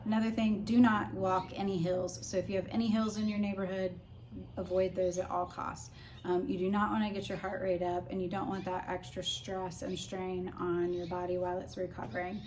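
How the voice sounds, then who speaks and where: A woman's voice: fairly low pitch, flat delivery, a little fast, darkish tone. A woman vlogger chatting casually and informally as she explains practical tips. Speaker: vlogger giving a personal recovery update. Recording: clear background noise.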